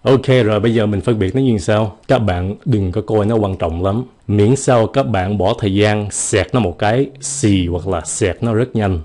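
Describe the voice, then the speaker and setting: A man giving a casual, joking pronunciation lesson, slowing down to stretch out the example words. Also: fairly low pitch, dark tone. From United States. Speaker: English pronunciation teacher.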